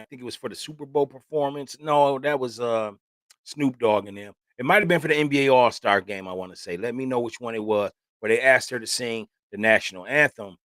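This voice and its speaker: Male podcast host, mid-pitched voice, loose slangy delivery peppered with "man", dry close recording; casual opinion chat. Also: fairly bright tone, no room sound. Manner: loose, slangy and talkative, with frequent "man" and "you know what I'm saying".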